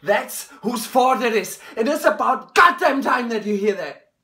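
A man in his thirties or forties playing an anguished, bitter grown son in an intense stage monologue, speaking emphatically with halting pauses. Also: sits high, sing-song, pushed and bright, heavily acted. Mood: angry, accusing. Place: small indoor room.

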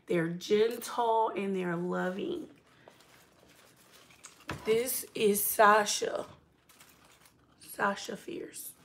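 Woman host, casual live chat from home, unhurried delivery, talks to viewers and her plants, hushed asides now and then. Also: mid-range voice, slight background noise. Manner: slow, chatty, talks to her plants and to viewers reading comments. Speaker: vlogger hosting a live stream.

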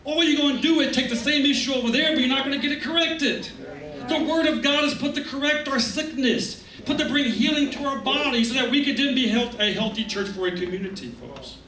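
Here the same kind of preacher sounds very high, a little fast, pushed and bright as he delivers his sermon, talking conversationally and emphatically and turning aside to address the congregation. He's on a church stage indoors in a medium hall, using a handheld mic, captured by a distant camera in an echoey space.

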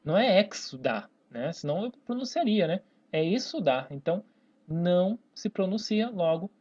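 Lively, husky Brazilian teacher, lo-fi. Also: medium pitch. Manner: stretches words out slowly syllable by syllable, tags lines with "né?" and "tá, pessoal?". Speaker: Portuguese teacher. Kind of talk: whiteboard grammar lesson. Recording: dull lo-fi recording.

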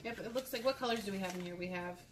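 A woman talks casually as a mother hosting alongside a child, explaining and asking simple questions. Her voice sits at a middling pitch. The room echoes around her and there is clear noise behind. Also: rapid-fire. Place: indoors at a table in a home room. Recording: roomy, noisy home phone-camera recording.

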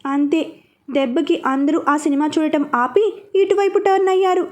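Woman, high voice, storytelling narration, steady expressive reading. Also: normal speed.

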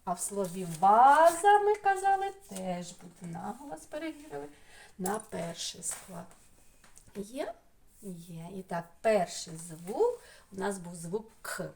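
A woman's voice: mid-range voice, gravelly. A middle-aged woman from Ukraine teaching a remote phonics lesson to small children, drawing out and repeating sounds in a sing-song way. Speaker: preschool teacher. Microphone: computer mic in an online class.

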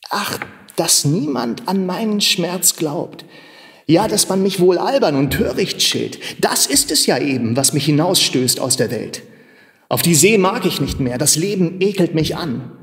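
A man's voice: fairly high pitch, animated, measured pace, fairly bright tone, recorded from a distance, pitched above the performer's own voice. A man voicing a grieving young sailor who laments and pleads in an agitated way. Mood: despairing. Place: large machine workshop hall in a theater. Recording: long reverb of a large hall.

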